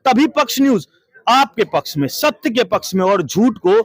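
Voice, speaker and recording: A man's voice: sits high, sing-song, moderate pace, dry recording. A man reporting from a crowded street as a local news reporter, making urgent, dramatic appeals to viewers.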